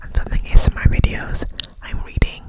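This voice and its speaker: A young woman whispering breathily into cupped hands in ASMR style, reflecting in a hesitant, personal way. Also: brisk. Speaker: ASMR host. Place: alone in a room at home.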